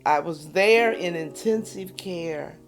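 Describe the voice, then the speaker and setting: An older woman being interviewed, calmly recounting a personal story and acting out the quoted voices of others. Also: lowish voice, slow. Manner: animated retelling, voices quoted speech, soft at tense moments. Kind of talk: conversational storytelling.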